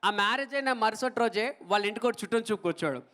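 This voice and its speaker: High, bright-voiced male stage comedian. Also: fast. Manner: chatty storytelling, asks the crowd for claps. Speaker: stand-up comedian. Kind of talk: stage comedy at a film event.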